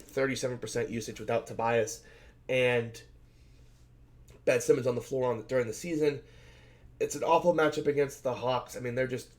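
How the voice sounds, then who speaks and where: Middle-pitched and scratchy, his voice hoarse from yelling at a game, a male fantasy basketball analyst breaks down the sports betting slate on his own. His casual manner is full of fillers, with him thinking aloud and correcting himself as he goes.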